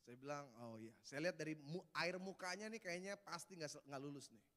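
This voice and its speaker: A man's voice: on the high side, fairly quick, bright, forceful tone. A man with an Indonesian accent preaching a sermon as pastor, telling humorous stories in casual slang. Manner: storytelling with humor and laughter, Jakarta slang. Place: church hall. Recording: long hall reverb.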